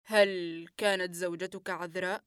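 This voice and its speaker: A woman reading the part of a calm male psychiatrist in an audiobook, speaking slowly and evenly. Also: mid-range voice, no echo, studio quality, natural voice. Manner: calm, slow, measured.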